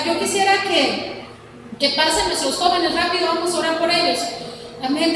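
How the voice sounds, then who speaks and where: A middle-aged woman preaches an earnest sermon in a high voice. Her words ring through a very echoey church hall, picked up from far off with clear background noise. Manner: earnest, exhorting, addresses congregation as "mis hermanos".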